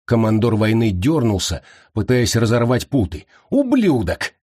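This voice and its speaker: A man narrating a fantasy audiobook in an expressive, lively reading. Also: fairly low pitch, normal speed, husky, no echo, studio quality. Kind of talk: scripted narration.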